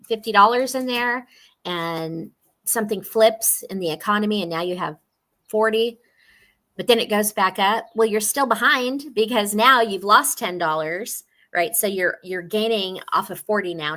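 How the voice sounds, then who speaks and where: A woman in her forties, a financial specialist speaking earnestly in a casual interview over a video call from home. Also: mid-range voice. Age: 40s. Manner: earnest, laughs easily, warm chatty explanations. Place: home, dog barking nearby.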